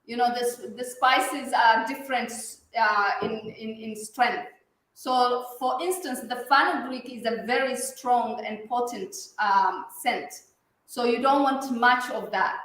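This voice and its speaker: A woman explains her cooking in an easygoing way on a video call. Her voice is a touch high, and the room around her echoes heavily. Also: measured pace, fairly bright tone. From Kenya. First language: Somali. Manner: easygoing, explaining as she cooks. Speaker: guest cook. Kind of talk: casual cooking chat.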